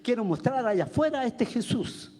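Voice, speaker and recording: A man's voice: extremely high pitch, animated, brisk, darkish tone. A man preaching a sermon as pastor, firing rhetorical questions at the congregation. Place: church.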